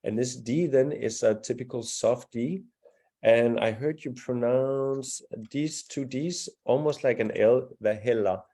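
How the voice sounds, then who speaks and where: A man's voice: mid-range voice, unhurried, mellow. A man teaching a live beginner language class, patient and encouraging as he explains pronunciation step by step. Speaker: Danish teacher.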